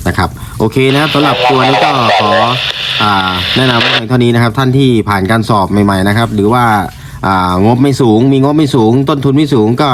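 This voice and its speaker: A man's voice: medium pitch, fairly quick. A man giving a polite, informal product presentation as a shop presenter, explaining and repeating his points. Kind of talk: informal product review to camera. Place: indoor room used for recording videos. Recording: clear background noise in room.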